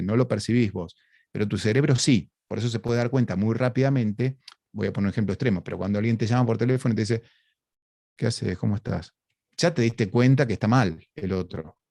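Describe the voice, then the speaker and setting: A man's voice: fairly low pitch, warm tone, no room sound. Argentine man lecturing, very dry sound. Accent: Argentine Spanish. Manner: explanatory, conversational, uses rhetorical questions. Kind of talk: academic talk over video call.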